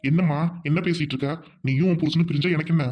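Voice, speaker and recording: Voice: medium pitch, steady tone, quick pace, a little mellow, close to an everyday voice. A performer playing a scheming, greedy middle-aged uncle who blusters and scorns his niece in an amateur drama skit. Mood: blustering.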